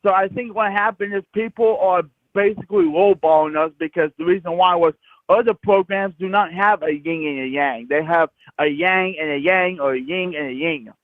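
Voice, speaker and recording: A man's voice: sits high, moderate pace, no room sound. A man from Florida calling in to a sports talk show over the phone, joking and rambling through his points. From Crestview, Florida, US. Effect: heard over a phone line. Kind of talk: casual phone-in chat. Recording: tinny phone line, dry.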